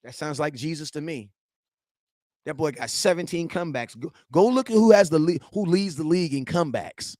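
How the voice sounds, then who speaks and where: A man, reading and answering viewer chat in a slangy, animated sports rant. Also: fairly high pitch, brisk, no echo, clean studio sound. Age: 40s. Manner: animated, slangy trash talk, shouts at chat. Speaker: sports fan streamer.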